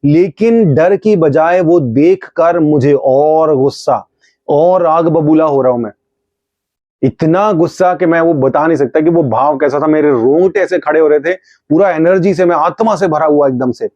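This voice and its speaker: Middle-aged preacher guy telling his story all fired up, kinda high voice, dry dull recording. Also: normal speed, darkish tone, no echo. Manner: fervent storytelling, acts out his own rebukes. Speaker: pastor. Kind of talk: testimony sermon.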